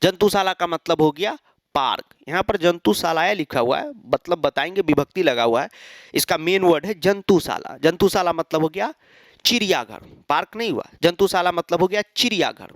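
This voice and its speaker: A man's voice: sits high, a bit bright, dry recording, clean studio sound. A man teaching an exam-prep lesson, explaining step by step and answering his own questions. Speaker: Sanskrit teacher.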